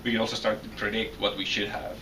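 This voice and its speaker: A man's voice: on the low side, flat delivery, fast talker, bright, forceful tone. A young man from Finland with a Finnish accent, answering interview questions as a PhD student, hesitant and full of restarts. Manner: hesitant, many restarts and repeated words. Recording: distant mic with faint noise.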